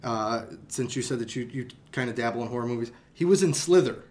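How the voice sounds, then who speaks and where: A man's voice: mid-range voice, quick pace, a little mellow. A man hosting a casual podcast chat who rambles and restarts his sentences often. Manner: rambling, hesitant with frequent restarts. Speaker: podcast host.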